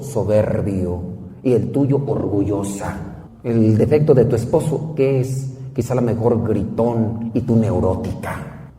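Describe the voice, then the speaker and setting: Mexican priest giving a homily, mellow easygoing voice, folksy, big reverb. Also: male voice, medium pitch, slight background noise. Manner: folksy preaching with jokes and rhetorical questions. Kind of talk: sermon.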